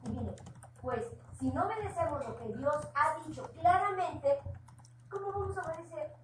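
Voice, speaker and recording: With lively intonation and a high voice at moderate speed, this Mexican-accented woman gives an earnest, chatty sermon at a house church, adding down-to-earth personal comments. The room echoes, the mic is far off, and there's background noise.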